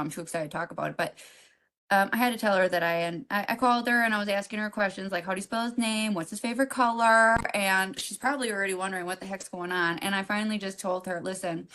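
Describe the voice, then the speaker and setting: A woman's voice: medium pitch, a bit bright. Middle-aged woman, podcast co-host; rambling, emotional storyteller with frequent fillers and restarts. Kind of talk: casual heartfelt storytelling.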